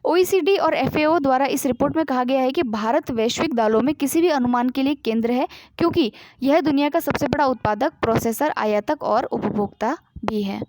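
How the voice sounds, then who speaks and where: A woman with a high voice teaches current affairs to exam students. She reads each news item aloud, then breaks it down in simple asides full of fillers. The sound is close and dry, with no room echo. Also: a little fast, a little mellow. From India. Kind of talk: explanatory current-affairs lesson.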